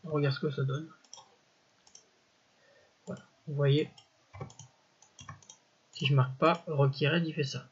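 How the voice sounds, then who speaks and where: A man talks through a coding tutorial in a relaxed, halting way, correcting himself as he goes and dropping quick interjections between steps. His voice is somewhat husky. The recording sounds a little dull and lo-fi. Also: on the high side. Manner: thinks aloud, peppered with "voilà" and "hop"; self-correcting, halting phrasing. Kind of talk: casual screen-recorded coding walkthrough.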